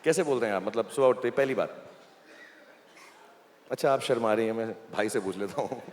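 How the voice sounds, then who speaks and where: A man's voice: on the low side, brisk, darkish tone. A man hosting a live stage event, joking with and coaxing guests in playful banter. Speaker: stage host. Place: event stage in a large hall. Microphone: handheld microphone. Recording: long hall reverb, faint noise.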